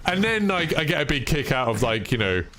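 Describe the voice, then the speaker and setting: A man's voice: a little high, very animated, a little fast, pushed and bright. A British man chatting casually with his stream audience, full of "like" and self-deprecating asides. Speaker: streamer reading chat. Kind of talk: casual live-stream chat.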